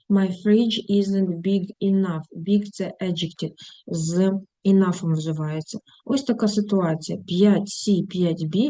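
A woman's voice: mid-range voice, dark tone, no echo, rough recording. A woman English teacher explaining textbook exercises step by step in a recorded lesson, switching into English for examples. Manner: explains textbook tasks step by step, mixing English phrases into Ukrainian. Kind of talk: recorded online lesson walkthrough.

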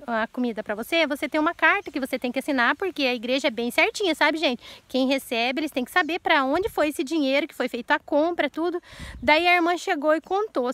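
A woman in her thirties with a high voice tells a personal testimony, earnest and direct with her listeners. She repeats key words to stress them. The sound is close and dry. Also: fairly bright tone, no echo. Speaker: vlogger telling a personal testimony.

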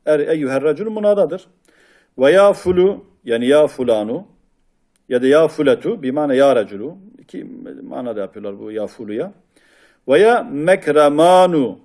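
A man's voice: a little high, expressive, moderate pace, darkish tone. A man teaching a lesson on a classical grammar text, reading passages aloud and explaining them with frequent hesitations. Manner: reads Arabic passages then explains them in Turkish, with frequent hesitation sounds.

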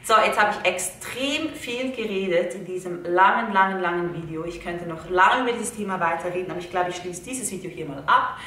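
A woman's voice: fairly quick, few pauses, pushed and bright. A young adult woman chatting earnestly and wordily to viewers in a casual explanatory style. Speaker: video host. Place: living room indoors, seated in an armchair. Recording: distant, echoey room with rumbly noise.

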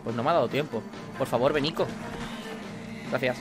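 A young man with a Spanish accent from Spain, chatting casually while playing a video game, excitable and swearing at the game. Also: medium pitch, a little fast. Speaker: gaming YouTuber. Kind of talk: casual gameplay commentary. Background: video game music.

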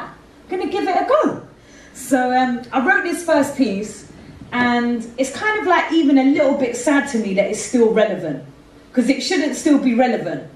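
On a theatre stage framed by red curtains, a woman performs spoken word poetry into a handheld mic with a rhythmic, street-inflected delivery. Her voice is on the high side, and a far camera catches it in a very echoey hall with a little hiss or hum.

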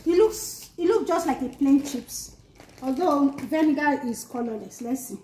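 A woman with a very high voice chats casually through a food tasting, crunching chips and murmuring between phrases. She sounds like she is in an echoey room, with noise and crinkling packets behind her. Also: expressive, normal speed, dark tone. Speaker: snack reviewer. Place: small bare indoor room. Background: crinkling chip bags, crunching, noise.

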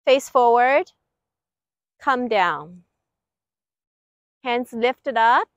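A woman's voice: high-pitched, no echo. A middle-aged woman instructing a qigong routine step by step in short, clipped directive phrases. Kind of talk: exercise instruction, step-by-step cues. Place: outdoor lakeside paved terrace.

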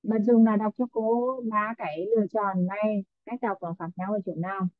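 A woman's voice: mid-range voice, fairly even intonation, moderate pace. A woman teaching an online English class, coaxing her students and echoing their answers. Her voice comes through a narrow, tinny line with no room sound around it. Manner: coaxing, calls on students, repeats answers back. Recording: tinny phone-like online audio.

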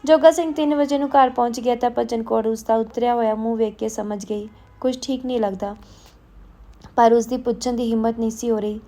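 A woman from Punjab, reading a family drama story aloud and voicing every character in the same steady, earnest voice. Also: on the high side, a little fast.

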